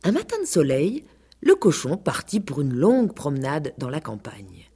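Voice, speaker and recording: A woman with a low, husky voice reads a children's story aloud. Her delivery is expressive and playful, with lively rises and falls in pitch. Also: normal speed. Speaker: actress reading aloud. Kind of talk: storybook reading. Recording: 1980s radio recording.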